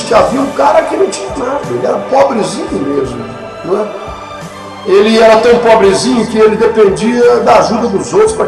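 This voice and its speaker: A man preaching a sermon, emphatic and fond of rhetorical questions to his listeners. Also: sits high. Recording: echoey room with music behind.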